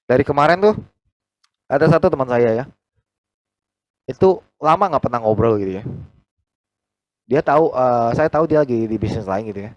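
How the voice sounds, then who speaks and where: A man, leading a team training over a video call, animated and acting out quoted conversations. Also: dry recording, dull audio. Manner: animated, acts out quoted dialogue with big pitch jumps.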